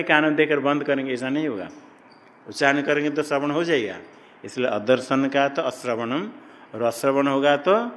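A man lectures on grammar at a middling pitch, posing questions to his class and answering them himself while repeating each term. His voice carries a long reverb, as if recorded in a large hall. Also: a bit bright. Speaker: Sanskrit grammar teacher.

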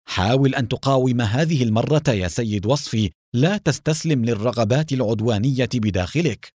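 A man voicing a calm, analytical male police captain who explains in a measured way in a story reading. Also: mid-range voice, no echo, clean studio sound, natural voice.

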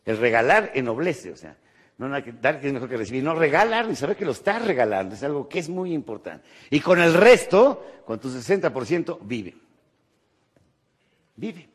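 A Mexican motivational speaker delivers an animated, rhetorical lecture, tagging his points with quick questions to the audience. His voice is mid-range with a breathy edge.

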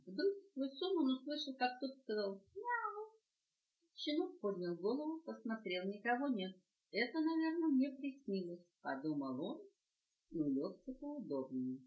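An older woman, a grandmother, reading a children's story aloud with lively, expressive storytelling. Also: mid-range voice, moderate pace. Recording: roomy dull home cassette tape.

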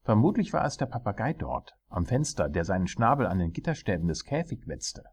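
A man playing a hurried, placating courtier. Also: lowish voice, sing-song, darkish tone, slightly rough, pitched above the performer's own voice, exaggerated voice. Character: nervous male courtier at a royal feast.

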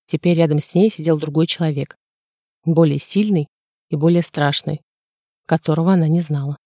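A man reading a novel aloud in measured, reflective scripted narration. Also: a little high, steady tone, dark tone, no room sound. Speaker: audiobook narrator.

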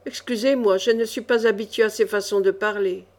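A woman's voice: mid-range voice, steady tone, brisk, darkish tone, close to an everyday voice. Woman reading as a seething, growling baron. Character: jealous hot-tempered male baron, a henchman.

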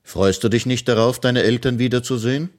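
Storybook little boy hero, eager, raised pitch, man reading it. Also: fairly even intonation, fairly quick, natural voice. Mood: concerned. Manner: eager, proclaiming. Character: brave little boy rescuer, cheerful.

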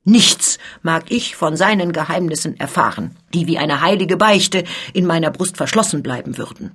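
A woman voicing an elderly, dignified noblewoman in a dramatic reading, with a husky, fairly low voice. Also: very animated, a little slow, full character voice. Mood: indignant. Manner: indignant, dignified speech.

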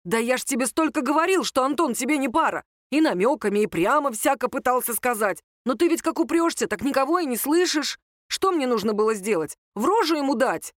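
A woman reading a story voices an angry young man, an indignant, shouting older brother. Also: medium pitch, quick pace, hardly any pauses, dry recording, clean studio sound, lightly acted.

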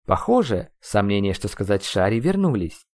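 A man reads a first-person audiobook in a fairly low, lively voice that rises and falls often. The recording is dry and close, and his tone is wry. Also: normal speed, no room sound. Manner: expressive, ironic. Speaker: audiobook narrator.

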